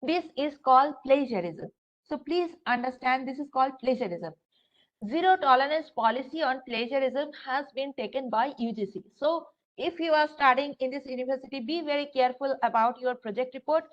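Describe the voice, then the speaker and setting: A high-pitched woman with an Indian English accent lectures a class in an easy, conversational way, filling pauses with "uh" and "you know" and speaking straight to the students in front of her. The recording is dull and lo-fi, as if picked up by a room microphone in a classroom. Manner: conversational, frequent fillers, addresses students directly. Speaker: university lecturer.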